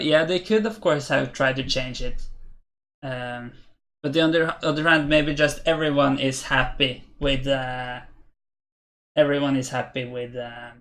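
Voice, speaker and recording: Casual live-stream commentary from a chess streamer: a Norwegian man in his twenties with a Norwegian accent. His mid-range voice has a fairly bright tone, and he thinks aloud hesitantly while reading and responding to chat.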